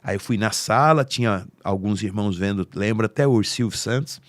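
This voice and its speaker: A man's voice: on the low side, moderate pace, dry recording. A man with a Brazilian Portuguese accent telling a heartfelt personal story on a podcast, acting out the voices of his family as he goes. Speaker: podcast speaker.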